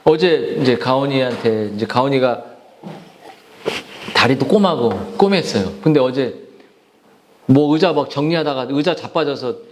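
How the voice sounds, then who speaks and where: A man's voice: medium pitch, lively intonation, a little slow, long pauses, a little hiss or hum. A male pastor preaching an impassioned sermon, repeating phrases and often breaking off mid-word as he presses his congregation. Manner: restarts and trails off mid-word.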